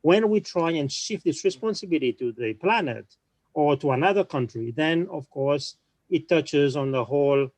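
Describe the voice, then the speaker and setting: A man speaking on a conference panel, explaining at a measured pace and often restarting his sentences. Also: fairly high pitch, expressive, darkish tone, dry recording, low-quality recording. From small island nation.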